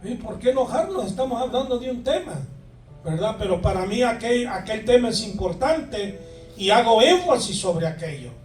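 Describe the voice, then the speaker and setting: A man preaching a sermon as pastor, animated and emphatic, with asides to the congregation. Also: extremely high pitch, normal speed. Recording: echoey room, far from the mic, music behind.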